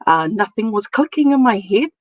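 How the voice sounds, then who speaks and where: Here a podcast guest who works as a community nurse, a middle-aged woman with a Samoan New Zealand accent, recounts her story in a relaxed, giggly manner. She sounds animated at a moderate pace with medium pitch, captured in studio quality with no room sound.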